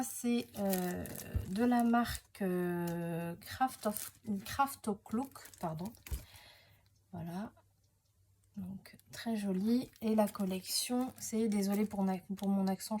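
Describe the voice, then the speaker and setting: A woman chatting casually to camera while unboxing craft papers, hesitant, full of fillers and self-corrections, sometimes dropping to a soft near-whisper. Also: mid-range voice, a little hiss or hum. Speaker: scrapbooking crafter presenting her channel.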